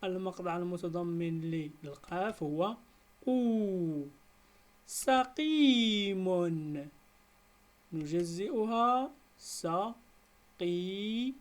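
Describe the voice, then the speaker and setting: This woman teaches primary school and speaks with a Moroccan accent at a medium pitch. Her beginners' Arabic lesson is read at a slow, careful pace, each word broken into stretched-out syllables.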